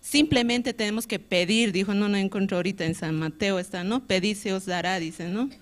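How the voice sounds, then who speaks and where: At a Sunday church service, a medium-pitched Bolivian woman gives a conversational testimony. She adds lots of little tag questions and pauses to search for Bible verses out loud.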